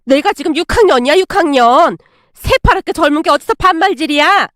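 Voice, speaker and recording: A woman's voice: sits high, animated, fairly quick, no echo, clean studio sound. A woman doing a furious sixties mother-in-law. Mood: furious scolding. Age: 60s. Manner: scolding, shouting in anger. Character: hot-tempered sixties mother-in-law, shouting. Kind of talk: storytelling with acted dialogue.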